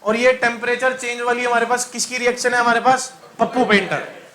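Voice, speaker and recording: A man's voice: very high voice, fairly even intonation, a little fast, a bit bright. A man teaching chemistry to a class, quizzing students in a call-and-response style, joking and singing mnemonics.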